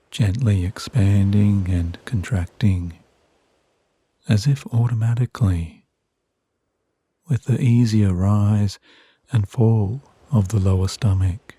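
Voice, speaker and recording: A man with a fairly low, husky voice narrates guided sleep hypnosis, soothing and hushed, measured, with long pauses between phrases. The recording is dry.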